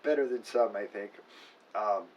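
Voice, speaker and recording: A man's voice: on the low side, a little slow, highs cut off. A man who works as an acupuncturist, explaining a topic in an unscripted, casual way, with fillers and restarts. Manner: unscripted, self-correcting, with filler words. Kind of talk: casual educational talk. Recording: voice a bit far from the mic, faint room noise.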